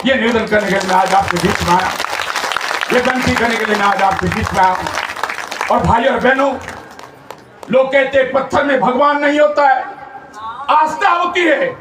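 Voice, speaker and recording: A man's voice: extremely high pitch, moderate pace, long pauses, noisy background. A man with a Garhwali accent giving a declamatory storytelling speech at a village Ramlila. He repeats phrases for rhythm. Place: outdoor village stage event. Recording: echoey distant PA sound with faint crowd.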